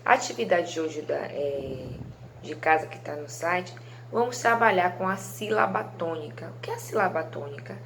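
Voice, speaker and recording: Teacher woman, lower voice, slow emphasis. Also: lively intonation, a bit bright, slight background noise. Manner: affectionate, drawn-out emphasis on stressed syllables; frequent tag questions like "né?" and "certo?". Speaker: primary school teacher. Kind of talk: recorded video lesson.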